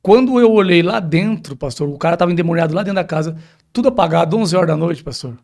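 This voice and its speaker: A man's voice: fairly high pitch, lively intonation, fast talker, gravelly, darkish tone. A man, a pastor telling a personal testimony in a podcast interview, emphatic and often addressing the host directly.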